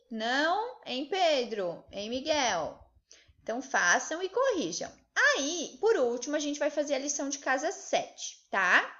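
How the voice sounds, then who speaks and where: Woman teacher, Brazilian accent, high lively voice, slightly dull recording. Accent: Brazilian Portuguese. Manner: patient, encouraging, checks in with "né?" and "tá?". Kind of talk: online class lesson for children.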